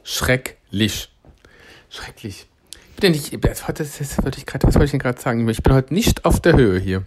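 Ein Mann moderiert ein lockeres Gespräch, redselig und mit ironischer Begeisterung. Seine Stimme liegt in einer mittleren Lage, weder tief noch hoch. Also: male voice, mid-range voice, animated, normal speed. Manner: chatty, enthusiastic and ironic. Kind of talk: casual chat.

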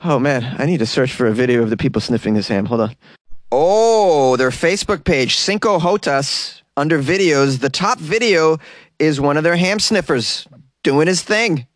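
A man's voice: fairly high pitch, expressive, moderate pace, dry recording. A man hosts a comedy podcast in a very dry, close recording. He reads odd news casually, wry and mock-earnest, and drifts off into rambling asides.

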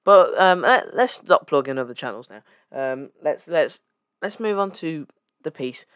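A man's voice: fairly high pitch, animated, unhurried, a bit bright, dry recording, clean studio sound. A young man hosting a casual podcast on his own, rambling along with lots of fillers and restarts as he corrects himself. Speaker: podcast host. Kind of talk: casual solo podcast chat.

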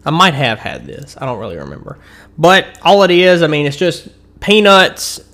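A man's voice: fairly high pitch, huge pitch swings, moderate pace, vocal fry, a bit bright. A man hosting his own candy-rating show, rambling casually through a review and chewing as he talks. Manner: rambling and chatty, with frequent restarts and ums; eating and chewing while he talks.

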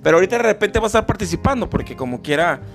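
A man's voice: high voice, animated, racing, soft background music. A man hosting a podcast in casual chat, rambling with many fillers and restarts. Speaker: podcast host.

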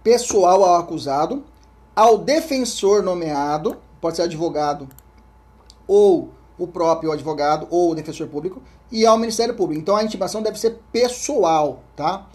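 At a moderate pace, a slightly mellow man with a Brazilian Portuguese accent teaches an exam-prep law lecture. He reads statutes aloud and repeats key points. He keeps checking in with listeners and often trails off into a low murmur.

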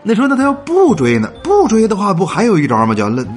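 A man's voice: high voice, huge pitch swings, fast, faint music behind. A man hosting a comic folk-tale show, chatty and playful, dropping rhythmic verse and asides to listeners. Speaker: storyteller host.

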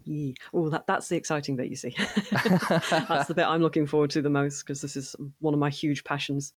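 A woman chatting as a podcast guest, animated and quick to laugh, often restarting her sentences. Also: low-pitched, no echo, studio quality. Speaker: podcast guest, fan voice actor and writer. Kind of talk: casual interview conversation.

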